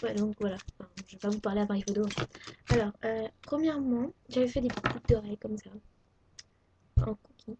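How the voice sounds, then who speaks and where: A French teenage girl who vlogs about crafts shows off her work to a webcam at home, chatting casually but hesitantly with many fillers. Her mid-range voice is fairly even and brisk. The dull lo-fi webcam audio is noisy, with a vacuum cleaner faintly audible.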